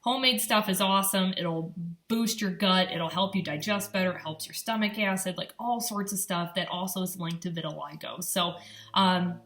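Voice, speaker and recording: In her casual vlog, a young woman from Michigan, USA, talks at a moderate pace in a fairly bright, lowish voice. Light Upper Midwest American vowels color her upbeat, encouraging chatter, which is full of fillers like um and like.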